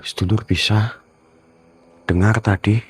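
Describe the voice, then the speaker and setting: A man filming a night ghost-hunt vlog outdoors, talking to his viewers in a hushed, tense voice and often murmuring prayers. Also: lowish voice, fairly even intonation, a little slow, a little hiss or hum. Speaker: ghost-hunting vlogger.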